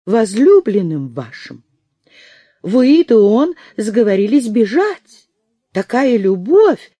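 A fussy, tearful young maid who frets and chatters over her young mistress, as a woman reader puts her on. The voice sits somewhat above the reader's own, dark and mellow in tone, in an audiobook read close and dry. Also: on the high side, no room sound, voice pushed up, heavily acted. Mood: gushing. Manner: fretful, doting, chattering.

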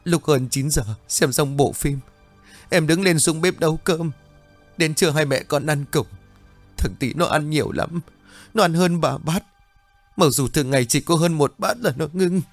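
A man's voice: fairly high pitch, moderate pace, faint music behind, pitched above the performer's own voice. A male storyteller voicing a young mother who pleads and weeps in a horror audio story, speaking in a raised, strained voice. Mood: anxious. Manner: tearful, pleading. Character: young mother, frantic and grieving woman.

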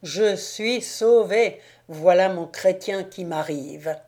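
A woman's voice: medium pitch, slow, mellow, lightly acted. A woman putting on a whining, pleading old devil. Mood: gleeful. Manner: pleading, groaning, self-pitying. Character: whining wretched male devil disguised as old slave. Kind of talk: audiobook reading.

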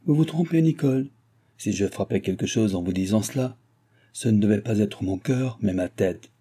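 A man's voice: fairly low pitch, normal speed, dark tone, husky. A man playing a cold, arrogant young man who lectures with disdain in a read-aloud novel. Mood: lecturing.

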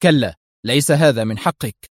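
A man's voice: mid-range voice, a little fast, dry recording, studio quality, close to an everyday voice. A man voicing a cool, sardonic male secret agent who answers curtly. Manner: cool, curt and mocking. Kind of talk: audiobook character voice.

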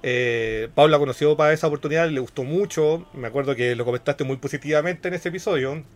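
Chilean male podcast host, thirties, slightly high voice, chatty and slangy. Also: quick pace. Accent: Chilean Spanish. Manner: chatty, slangy, explains at length. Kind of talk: casual podcast chat.

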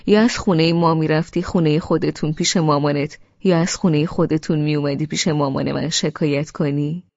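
A woman voicing a calm, serious young man who talks in a measured, earnest, gently scolding way. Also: sits low, no room sound. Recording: dull, dry studio audiobook.

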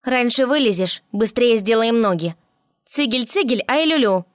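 Woman doing a storybook water spirit, high voice, bossy, snappy, scolding, dry close sound. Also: expressive, normal speed, no echo, lightly acted. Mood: impatient.

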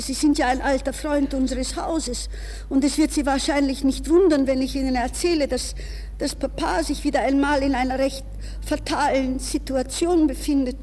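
An actress plays an anxious, proud young woman in the style of 1960s radio drama, pleading nervously and breathlessly as she shifts between polite speech and inner thoughts. Her high voice has a dark tone yet stays close to an everyday voice, on a reverberant, hissy 1960s radio recording.

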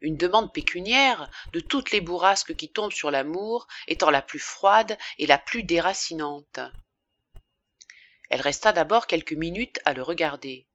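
A woman's voice: on the low side, no room sound, muffled recording. Woman reading a classic novel aloud. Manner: measured, expressive reading. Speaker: audiobook reader. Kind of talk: literary audiobook narration.

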